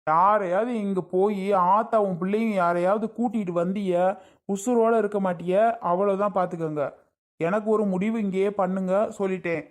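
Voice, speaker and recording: A man's voice: high voice, steady tone, moderate pace, close to an everyday voice. A man doing a jealous ex-husband. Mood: threatening. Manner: insistent, self-justifying. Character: jealous young ex-husband, pleading and threatening. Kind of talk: Tamil cartoon drama dialogue.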